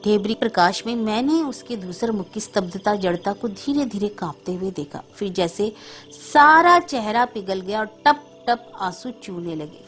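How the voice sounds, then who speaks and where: A woman storyteller narrating a story in a slow, somber reading manner. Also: mid-range voice. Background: faint music.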